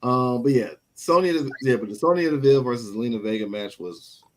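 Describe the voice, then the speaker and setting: A man's voice: mid-range voice, brisk, slight background noise, rough recording. A man co-hosting a casual wrestling review show, often restarting and repeating words as he talks. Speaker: podcast co-host.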